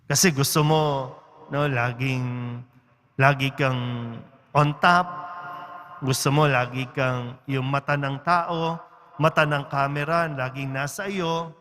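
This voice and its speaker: A male priest reading the gospel and giving a homily in a large church, measured and conversational, often adding little tag questions. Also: medium pitch, fairly even intonation, fairly bright tone, a little hiss or hum. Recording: reverberant church with faint music.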